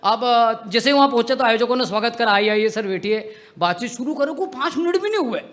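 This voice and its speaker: A young man with a high, bright, punchy voice performs comic poetry from a stage microphone. He jokes and teases the crowd playfully, like a seasoned stand-up poet. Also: lively intonation, fast. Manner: joking, playful, teasing audience. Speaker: comedic poet. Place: outdoor stage tent at a poetry gathering.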